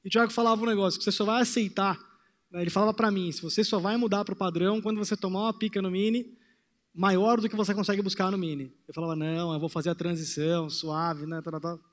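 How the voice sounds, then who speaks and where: A man in his thirties speaks to a large audience with a fairly high voice, reflective and gesturing as he paces the stage. A headset mic carries him, but the long reverb of a big conference hall trails his words. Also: flat delivery, fast talker. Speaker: trading course presenter. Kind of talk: motivational talk on stage.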